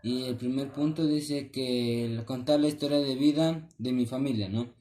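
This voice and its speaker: A man reads his school assignment aloud in a mellow, rather dark voice. He stumbles often, breaking off and restarting words as he goes. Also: medium pitch. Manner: halting, with restarts and repeated words. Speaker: student sending a class assignment.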